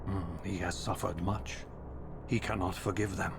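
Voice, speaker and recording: An actor playing an ancient, gentle male vampire, last of his race, speaking in a weary, solemn, formal manner in a dramatic video game. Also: low voice, steady tone, moderate pace, creaky, noisy background. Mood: gentle, forgiving. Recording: echoey, loud music behind.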